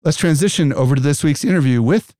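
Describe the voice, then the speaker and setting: A man's voice: a little high, expressive, fast talker, warm tone, a little hiss or hum. A man hosting a podcast, upbeat and enthusiastic as he introduces his guest and reads a promotion. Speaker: podcast host. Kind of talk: podcast interview and read ad.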